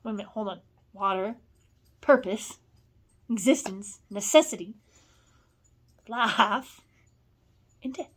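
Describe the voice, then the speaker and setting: A woman in a rambling spoken monologue, blunt and profane, swinging between low murmurs and loud scolding. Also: slow, pauses often. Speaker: vlogger.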